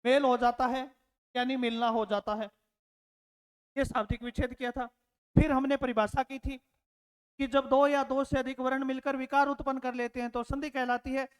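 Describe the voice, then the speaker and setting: A man's voice: very high voice, smooth, long reverb tail. A man teaching a lesson, repeating his words and asking rhetorical questions, calling his learners children. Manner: addresses learners fondly as children. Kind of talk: classroom lecture.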